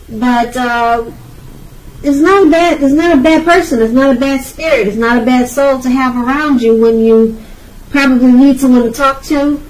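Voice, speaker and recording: Offering an unscripted tarot reading, a woman speaks to the viewer reassuringly and gives advice, hesitating and repeating phrases. Her voice sits high and is a little mellow. She's distant from the mic, with slight background noise.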